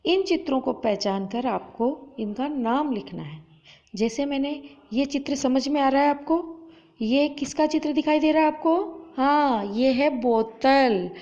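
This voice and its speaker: A woman teacher giving an online lesson to children, stretching out example words slowly and asking questions that she answers herself. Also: sits high, dark tone. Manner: slow, drawn-out pronunciation of example words. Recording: dull lo-fi audio.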